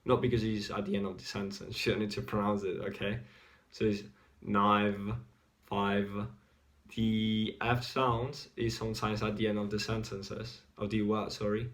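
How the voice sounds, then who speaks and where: A man with a Spanish accent giving a casual English pronunciation lesson, repeating example words slowly and deliberately. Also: on the low side. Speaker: English teacher.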